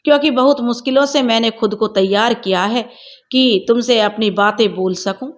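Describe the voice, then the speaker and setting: A woman voicing an earnest young man who speaks softly and pleadingly to the girl he loves, in a storybook reading. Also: very high voice, moderate pace. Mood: tender. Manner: soft, pleading and affectionate.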